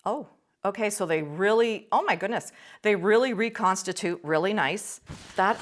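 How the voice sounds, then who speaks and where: Gushing woman art vlogger. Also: medium pitch. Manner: enthusiastic, gushing exclamations. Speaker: art channel host; art teacher. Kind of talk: casual swatching review vlog.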